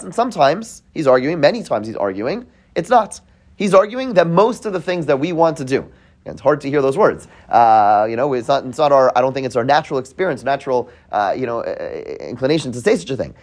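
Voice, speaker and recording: A man teaching a class, reading Hebrew passages, translating them and explaining as he goes. He often restarts his sentences and checks in with "right?" and "okay?". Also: fairly high pitch. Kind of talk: classroom text study lecture. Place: classroom with listeners present.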